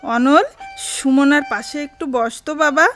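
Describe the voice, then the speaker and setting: A woman's voice: high voice, unhurried, a bit bright, soft background music. An actress playing a loving, long-suffering middle-aged mother, emotive and sentimental in the manner of an old radio show. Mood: tender. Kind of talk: radio drama acting.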